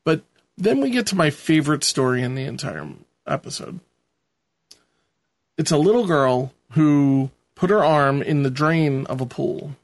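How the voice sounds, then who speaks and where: A man's voice: fairly high pitch, measured pace, gravelly, dry recording. A man hosting a podcast, recapping a show in casual, rambling conversation. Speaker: podcast host. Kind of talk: casual episode recap chat.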